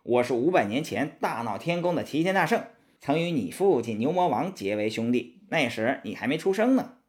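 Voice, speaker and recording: A man's voice: mid-range voice, expressive, moderate pace, darkish tone, lightly acted. Sun Wukong, a man doing a cocky monkey king. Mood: teasing. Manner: boastful and teasing. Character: boastful, cheeky monkey king. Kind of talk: children's storybook narration.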